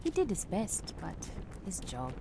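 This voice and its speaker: An actress playing a spirited, sarcastic young woman in a video game drama, sardonic and expressive. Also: on the low side, measured pace, creaky, noisy background, full character voice. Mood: earnest. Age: young adult.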